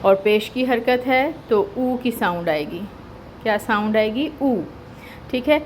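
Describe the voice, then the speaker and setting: Pakistani woman tajweed teacher, fairly high voice, patient step-by-step explanation with slow recitation, faint hiss behind. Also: darkish tone. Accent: Pakistani Urdu. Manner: explains step by step, checks with "theek hai"; slow drawn-out recitation of verses. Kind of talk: Quran recitation lesson.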